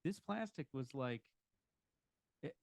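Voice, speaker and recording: On a casual podcast, a male co-host rambles and cracks jokes, frequently starting his sentences over. His mid-range voice is creaky with lively intonation and a slow pace, captured without echo on a home podcast mic for a video recording.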